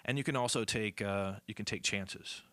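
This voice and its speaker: A man's voice: fairly low pitch, moderate pace, bright, forceful tone, no echo. A male musician from the southern United States, telling rambling stories with lots of fillers. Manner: rambling, many fillers, acts out voices. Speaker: musician guest. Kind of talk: casual storytelling.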